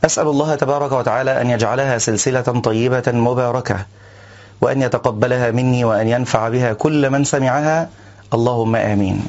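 A man giving a formal religious lesson on recitation errors, explaining in a measured voice and chanting verse examples slowly. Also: mid-range voice, steady tone, darkish tone. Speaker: Quran recitation teacher. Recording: dull lo-fi recording.

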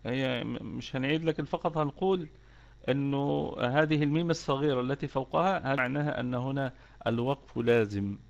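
A man's voice: mid-range voice, creaky, lo-fi sound. A man with an Egyptian accent teaching Quran recitation rules in an online lesson, explaining step by step and repeating key words.

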